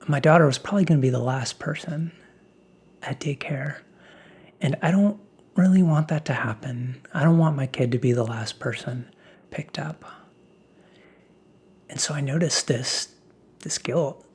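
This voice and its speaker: Casting: male ASMR host, very breathy hushed voice, half-whispered reflective pep talk, mid pitch.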